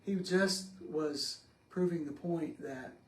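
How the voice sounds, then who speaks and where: Guy leading bible study, slow and halting, lots of ums, echoey church room. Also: on the high side. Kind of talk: casual Bible study discussion. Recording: echoey room with faint noise.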